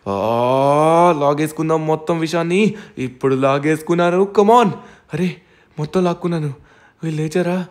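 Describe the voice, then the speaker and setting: Man, gameplay host, slightly high voice, dramatic narration, shouted challenges. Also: moderate pace. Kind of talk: role-play gameplay narration.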